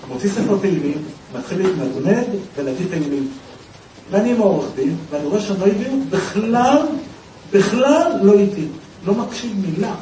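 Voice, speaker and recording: A high-voiced man tells a story with lively energy, acting out the voices of the people he quotes. He sounds some way from the mic in an echoey room, with a faint hiss behind him. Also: far from the mic. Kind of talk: storytelling talk.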